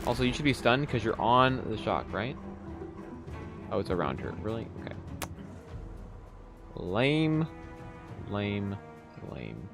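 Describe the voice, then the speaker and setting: Slow and creaky with big pitch swings and long pauses, the lowish-voiced young Texan keeps chatting with viewers as he plays, music in the background. His light accent and rambling, filler-heavy style remain.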